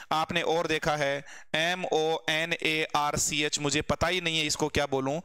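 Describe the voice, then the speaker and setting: A man leads an online exam-prep grammar class in a bright, sharp voice, pitched a little high for a man. His words come out smooth and crisp. He keeps calling his students friends and throws questions at them that he answers himself. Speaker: teacher.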